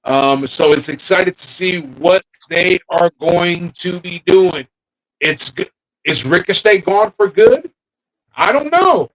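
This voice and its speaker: This podcast co-host chats casually about wrestling, thinking out loud and often dropping sentences to start them again. He speaks slowly in a high, expressive, slightly bright voice, captured on a low-quality recording.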